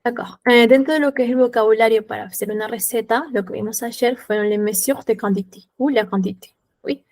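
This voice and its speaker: A woman's voice: fairly high pitch, fairly even intonation, darkish tone. Woman teacher, patient French lesson. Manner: slow and patient, repeating each French word and then its Spanish meaning. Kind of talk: online class, explaining vocabulary.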